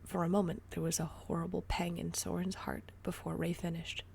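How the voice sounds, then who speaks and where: A woman reading a story aloud in a soft, breathy whisper. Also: on the low side, level tone, a little fast. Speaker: story reader.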